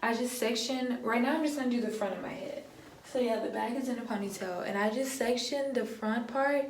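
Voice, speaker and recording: A young woman vlogger, talking viewers through a hair tutorial in a relaxed, chatty way, a little groggy from just waking up. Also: a little high, a little fast, a little hiss or hum. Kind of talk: casual how-to tutorial. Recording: echoey room with faint ambience.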